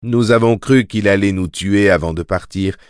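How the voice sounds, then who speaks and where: A man's voice: fairly low pitch, normal speed, clear, resonant tone, no room sound, studio quality, natural voice. A man voicing a polite, approving but hypocritical male figure in an audiobook reading. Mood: grave.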